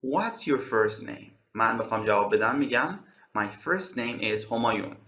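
Guy from iran teaching english, bright voice, echoey room, slow careful example lines. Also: mid-range voice, animated. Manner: slow, carefully spaced English examples between quick explanations. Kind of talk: bilingual language lesson.

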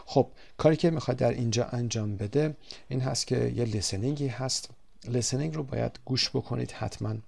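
A man teaching an English lesson. He explains quickly and says the model words slowly and clearly. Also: mid-range voice, darkish tone. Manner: switches between quick explanations and slow, drawn-out model words.

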